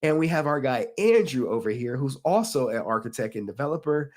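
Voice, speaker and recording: A man telling a story in an animated, casual way, acting out quotes with excited jumps in his voice. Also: brisk. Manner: excitable, acts out quotes with jumpy pitch.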